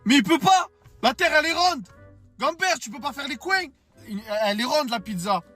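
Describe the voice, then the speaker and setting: A man's voice: very high voice, animated, moderate pace, sharp tone, soft background music, full character voice. A man voicing a dim-witted young man who rambles through silly questions in street slang. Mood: puzzled. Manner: rambling, puzzled street talk.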